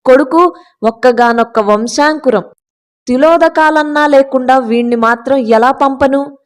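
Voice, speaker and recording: A woman's voice: high voice, a little slow. A woman voicing a grieving, pious old Brahmin man in a read-aloud story. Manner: lamenting, pleading.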